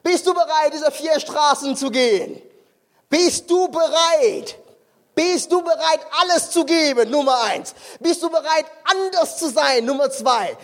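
A man preaches at a conference in a strikingly high voice. He speaks with fervor and keeps turning questions on the congregation. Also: unhurried. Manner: impassioned, questioning the crowd. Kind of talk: sermon. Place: conference hall.

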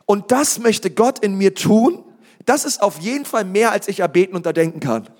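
Man, pastor, high voice, emphatic sermon, bursts into shouting, addresses the congregation. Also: lively intonation, normal speed. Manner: emphatic preaching, rising to shouts, speaking straight to the congregation.

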